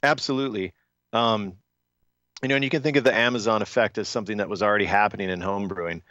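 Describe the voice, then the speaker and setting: Male podcast guest, low-pitched, measured, filler-heavy, dull dry recording. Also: fairly even intonation, fairly bright tone, dry recording. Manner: measured, many restarts and fillers. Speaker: industry guest. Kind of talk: podcast interview.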